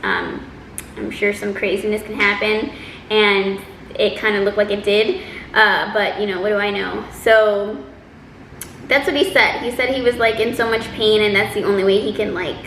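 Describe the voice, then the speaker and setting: A woman telling a personal story in a casual, chatty, animated way, acting out quotes as she goes. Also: medium pitch, moderate pace. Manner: animated, exaggerating delivery with acted-out quotes. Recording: roomy echo, faint background noise.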